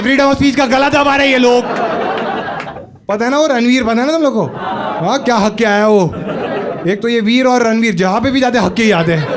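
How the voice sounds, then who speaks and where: On a comedy club stage, a man from Maharashtra, India, performs stand-up with an extremely high-pitched voice, telling a chatty story and asking the crowd questions. The background is noisy, with audience laughter.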